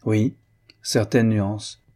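A man's voice: lowish voice, level tone, very slow, mellow. A male reader voicing an earnest, status-minded aristocratic husband in a spoken novel.

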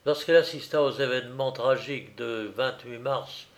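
A man narrating a courtroom crime story in a measured storytelling reading. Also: medium pitch. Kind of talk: dramatic reading of a crime chronicle.

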